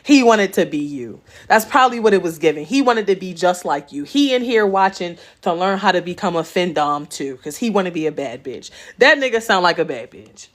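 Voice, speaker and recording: A woman's voice: fairly low pitch, animated, brisk, hardly any pauses. Blunt, profane Baltimore woman vlogger. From Baltimore, West Side. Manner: blunt, profane and streetwise, with frequent laughter; chatty, loops back with "okay?" and "you know what I'm saying". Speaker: host answering viewer questions. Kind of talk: casual Q&A vlog.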